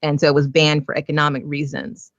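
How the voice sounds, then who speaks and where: A woman's voice: deep voice, little pitch movement, fairly quick, no echo, dull audio. A woman from Northern Virginia calling in as a guest, explaining a topic earnestly with plenty of fillers. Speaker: guest caller, activist. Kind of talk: phone-in interview.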